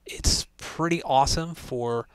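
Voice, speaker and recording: A man talks in an offhand, conversational way as he runs a mic test. His voice is medium-pitched and comes through an earbud or headset microphone, unprocessed and dry, with very little room sound. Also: unhurried, clear, resonant tone, dry recording. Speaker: tech reviewer. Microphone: wireless and wired earbud or headset mics, unprocessed.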